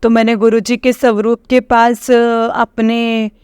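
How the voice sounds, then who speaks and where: A woman's voice: fairly high pitch, flat delivery, slow, a little mellow, clear, resonant tone, dry recording, studio quality. A woman telling a personal testimony to a congregation. She talks hesitantly, with many fillers and restarts, and often turns to address her listeners. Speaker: devotee sharing a personal experience.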